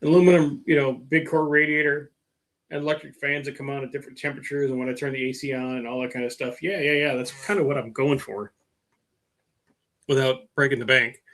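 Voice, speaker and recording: A man's voice: medium pitch, little pitch movement, brisk, a bit bright. A middle-aged man hosting a casual live stream about his car work, rambling with lots of fillers and reading out viewer comments. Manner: rambling, self-mocking, many fillers.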